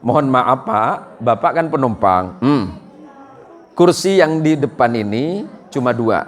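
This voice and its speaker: A man's voice: medium pitch, expressive, unhurried, faint music behind, pitched below the performer's own voice, natural voice. A man voicing a polite, patient male airline pilot who speaks formally.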